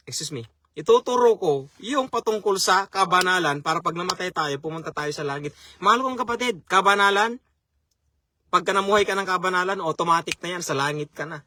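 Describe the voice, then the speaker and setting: A man's voice: fairly high pitch, sharp tone. A man preaching a sermon as a chaplain, speaking earnestly, repeating key phrases and often calling his listeners brothers and sisters.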